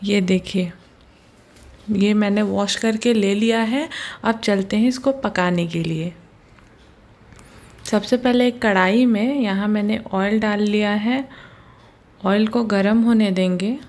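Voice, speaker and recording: In a steady, medium-pitched voice with a darkish tone, a woman runs her home cooking channel from her home kitchen. She patiently narrates every step of the recipe at a slow pace, regularly pointing things out with "ye dekhiye".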